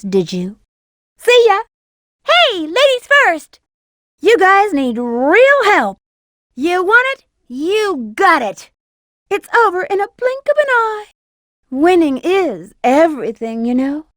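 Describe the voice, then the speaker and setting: A woman's voice: high-pitched, big pitch swings, unhurried, dry recording, clean studio sound. A woman playing a sly, confident, flirtatious female bat treasure hunter in a video game. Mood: smug, teasing, then cocky, excited. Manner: sassy, flirtatious, self-assured. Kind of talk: video game character voice lines.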